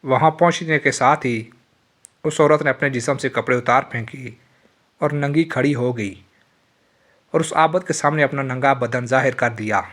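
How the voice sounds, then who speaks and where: A man narrating a religious moral tale in a solemn, steady storytelling voice. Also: medium pitch.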